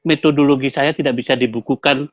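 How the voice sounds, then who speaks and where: A man's voice: mid-range voice, fairly even intonation, fast talker, no echo. An older man, a veteran acting teacher, talking casually and telling stories, acting out the voices of his students. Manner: storytelling, acting out quoted students with shifting voices. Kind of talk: casual talk show conversation. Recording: dry, dull lo-fi sound.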